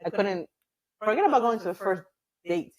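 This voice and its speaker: A woman in her thirties co-hosting a casual podcast chat, telling stories with lively mimicry. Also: mid-range voice, normal speed. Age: 30s. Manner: animated storyteller, mimics voices. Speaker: podcast co-host.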